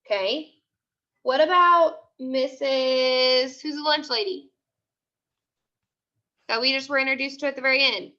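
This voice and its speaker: A woman teacher with a bright, high voice leads her class through a read-aloud, an interactive question-and-answer lesson. She prompts pupils, repeating questions and answers slowly, and the audio sounds dull.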